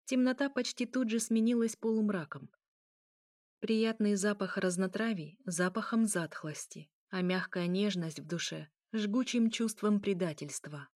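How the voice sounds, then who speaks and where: A woman's voice: medium pitch, measured pace, a little mellow, no room sound, studio quality. Woman narrating a fantasy audiobook. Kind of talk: scripted narration.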